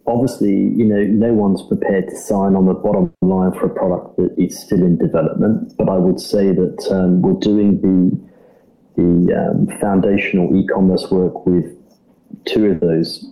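A man with a mixed British-Australian accent explaining things conversationally as a startup representative, measured, hesitant and diplomatic. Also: low-pitched, flat delivery, dark tone, faint music behind, poor audio.

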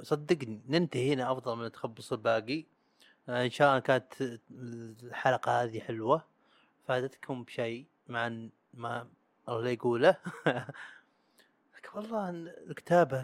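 A man hosts a solo podcast episode, half reading and half riffing. He talks quickly and casually, stumbling over words and chuckling at his own slips. The room sound is dry and close. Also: medium pitch, no room sound. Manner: casual and chatty, trips over words and laughs at himself. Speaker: podcast host. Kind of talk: solo podcast monologue, partly read from a script.

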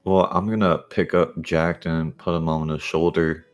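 A man's voice: extremely low pitch, little pitch movement, moderate pace. A man taking part in a tabletop game, casually describing and speaking for his character. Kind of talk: casual role-play chat. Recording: music playing behind.

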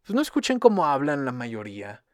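A man's voice: medium pitch, wildly swooping pitch, a little fast, no room sound, clean studio sound. A young man with a Mexican accent ranting casually, profane and mocking, joking as he goes. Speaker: commentator. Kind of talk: casual rant.

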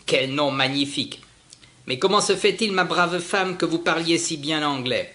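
A man reading aloud and voicing a cheerful, eager spaceship captain who talks brightly. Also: on the high side, moderate pace, pitched above the performer's own voice.

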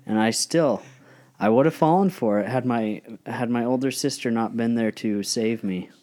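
A man's voice: mid-range voice, normal speed, mellow. A young man hosting a casual chat, telling a story about himself with a laughing, self-deprecating manner. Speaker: podcast co-host.

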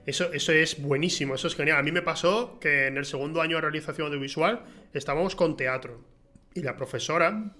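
Young man, Spanish accent, high voice, laughing storyteller, casual stream chat. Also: a little fast. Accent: Spain Spanish. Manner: animated storyteller, laughs often, acts out quoted voices. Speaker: co-host. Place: streaming studio.

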